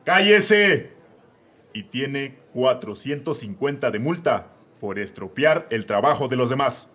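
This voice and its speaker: In this comedy radio drama, a Mexican-accented man voices a cranky, domineering judge who shouts commands, thoroughly exasperated. The delivery is slow and expressive, at medium pitch with a fairly bright tone.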